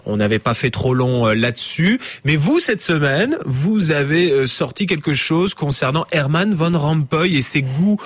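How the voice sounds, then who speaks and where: A man hosting a studio discussion show, introducing panelists and asking brisk, conversational questions. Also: fairly high pitch, big pitch swings, no room sound. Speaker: show host. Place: broadcast studio.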